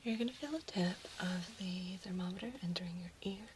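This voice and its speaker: A woman in a whispered role-play as a gentle, attentive doctor, speaking softly and unhurriedly right in the listener's ear. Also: fairly low pitch, a little fast, noisy background, lightly acted. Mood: soothing, attentive.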